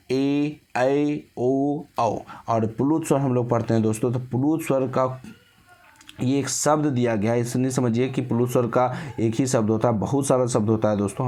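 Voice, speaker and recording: A man teaching an exam-prep class at a medium pitch. He keeps asking questions and answering them himself. He stretches vowels slowly to show their length. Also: darkish tone.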